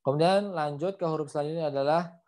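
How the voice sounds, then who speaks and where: A man teaching Quran recitation in an online class. He is patient, repeats his points, ends phrases with "ya" and models the sounds before slowly chanting the verses. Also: on the high side, a little mellow. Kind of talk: online tajwid lesson. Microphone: video call.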